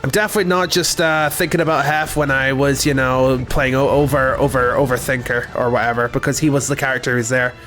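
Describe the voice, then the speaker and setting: A man's voice: mid-range voice, fairly even intonation, brisk, hardly any pauses, a bit bright, soft background music. A young man streaming a game, chatting casually in a rambling, talkative way. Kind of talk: casual gameplay commentary.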